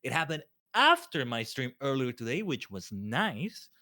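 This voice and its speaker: A man's voice: medium pitch, very animated, a little slow, pushed and bright. A man chatting casually as a guest on a livestream, rambling and often repeating his phrases. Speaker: guest streamer.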